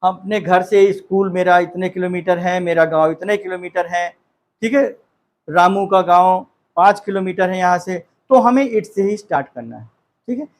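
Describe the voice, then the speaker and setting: A male English grammar teacher in a classroom, dictating sentences slowly, repeating each phrase, and asking his students questions. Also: high-pitched.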